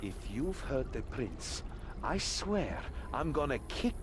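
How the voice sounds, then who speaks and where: Brash adventurer for a game: animated, sarcastic, taunting, over clear background noise. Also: male voice, mid-range voice, takes it slowly. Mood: tense, reluctant. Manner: cocky, taunting. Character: brash, sarcastic young male adventurer hero. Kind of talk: video game voice acting. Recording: clear ambient noise behind voice.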